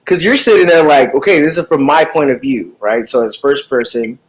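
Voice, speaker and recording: A man's voice: mid-range voice, brisk, rough recording. A man in a casual live book chat, talking animatedly about a book, with frequent swearing and lots of fillers. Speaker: book discussion participant.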